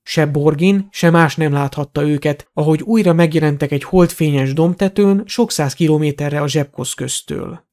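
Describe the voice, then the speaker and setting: A man reading a fantasy audiobook aloud in an expressive storytelling voice. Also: a little high, few pauses. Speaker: audiobook reader.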